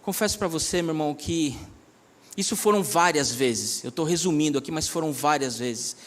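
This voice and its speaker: High-voiced pastor giving testimony. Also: male voice, normal speed. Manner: earnest and conversational, addressing listeners as "my brother". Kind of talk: personal testimony preaching.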